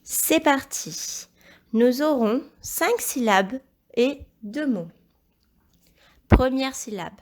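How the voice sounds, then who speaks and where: A woman teaching a recorded phonics lesson to young children, speaking slowly and carefully, repeating each word and praising the answers. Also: sits high, expressive, a little mellow. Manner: slow, careful, encouraging, spells out sounds and syllables. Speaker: primary school teacher.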